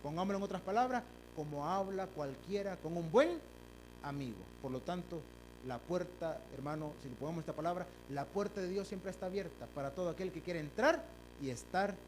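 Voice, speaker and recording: Emphatic pastor preaching over a hum. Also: male voice, a little high, brisk. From El Salvador. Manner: emphatic preaching, keeps calling listeners brother, swings between hushed and loud. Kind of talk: sermon. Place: church sanctuary. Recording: steady electrical hum behind the voice.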